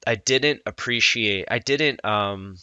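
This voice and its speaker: A man speaking as a coach in a personal vlog, earnest and reflective, often halting mid-thought. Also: on the low side, bright, forceful tone, smooth, dry recording, highs cut off.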